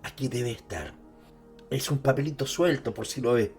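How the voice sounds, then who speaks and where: Over background music, a man of medium pitch and darkish tone tells the story of an author's life and works. His delivery is a dramatized literary narration at normal speed, addressed directly to the listener and sprinkled with conversational asides.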